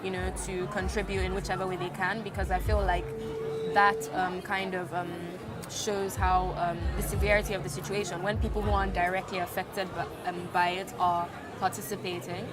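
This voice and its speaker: A woman's voice: on the low side, little pitch movement, moderate pace, over loud music, over a noisy crowd. A young woman from Nigeria, a student, answering interview questions in a hesitant way, full of fillers and restarts. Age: young adult.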